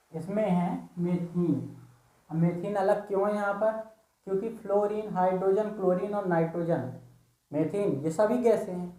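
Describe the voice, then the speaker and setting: A man teaches an exam-prep reasoning class, his voice warm and relaxed. He explains each answer step by step, pausing often to check that his students are following. The recording has a noticeable room echo. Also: sits high. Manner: explains step by step with frequent "theek hai" checks.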